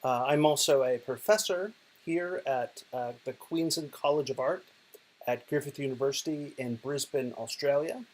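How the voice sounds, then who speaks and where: This self-recorded video, with poor audio, shows a middle-aged man from Oklahoma in the United States, a digital poet and professor, chatting casually about his work while lying ill in bed in his bedroom. Speaking with an American accent at medium pitch and normal speed, he uses many fillers and restarts.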